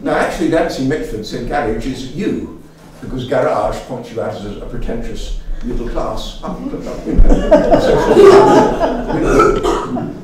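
An older man giving an informal talk to a local society, rambling and chatty, with many fillers and restarts. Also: medium pitch. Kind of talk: informal lecture. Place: meeting room with an audience. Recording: echoey room, mic far off, faint room noise.

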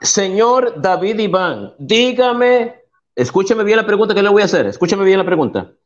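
High-voiced combative man debating online. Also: sing-song, normal speed. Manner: combative, preachy, quotes scripture loudly. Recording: dull lo-fi call audio.

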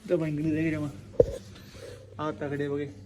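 A man's voice: a little high, completely flat delivery, fairly quick. A man with a Punjabi accent chatting casually and colloquially to his viewers as a vlogger. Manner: colloquial, addressing viewers as friends. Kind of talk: casual vlog chat. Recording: noisy phone vlog with ambient sound.

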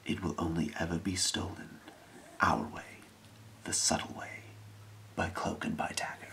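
A man in a whispered role-play, playing a scheming thieves' guild boss with a breathy, creaky whisper and a measured, secretive delivery. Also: sits low, level tone, pushed and bright, full character voice. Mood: hushed, calculating.

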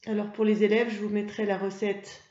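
A woman teaching a first-grade reading lesson, patient and encouraging, spelling out letters slowly for young pupils. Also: medium pitch, little pitch movement, dark tone, soft background music. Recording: roomy, slightly dull home recording.

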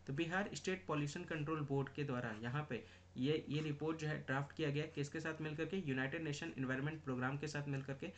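A man delivers a current affairs lesson for exam students, his voice sitting somewhat high. He circles back over phrases and fillers as he reads through figures. A faint noise runs under the recording. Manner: explains in Hindi mixed with English terms, repeats phrases, many fillers. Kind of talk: exam-prep lecture reading news.

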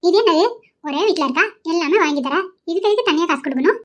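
A woman's voice: very high-pitched, lively intonation, fast talker. A woman putting on a bossy, stingy older mother-in-law in a cartoon, scolding sharply.

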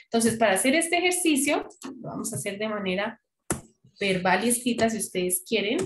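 A woman's voice: medium pitch, fairly quick, roomy sound, a little hiss or hum. A woman teaching a French class online, explaining patiently and often checking that students follow. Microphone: computer mic on video call.

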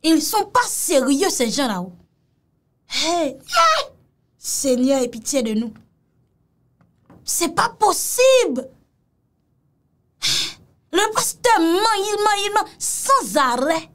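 A woman's voice: very high voice, big pitch swings, slow, pauses often, fairly bright tone, slight background noise. A woman giving casual reaction commentary on a video, mocking and exclamatory, repeating phrases.

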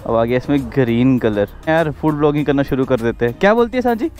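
A man's voice: mid-range voice, lively intonation, quick pace, darkish tone, muffled recording, faint music behind. A man vlogging casually outdoors in a park, teasing and laughing often. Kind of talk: casual vlog chat. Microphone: action camera.

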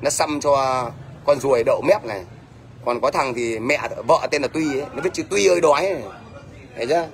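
Gravelly and medium-pitched, this middle-aged man's voice comes at a fairly quick pace with a Northern Vietnamese accent. He rants at a commenter on a livestream, scolding bluntly and often asking "thấy chưa?" Faint background noise runs underneath.

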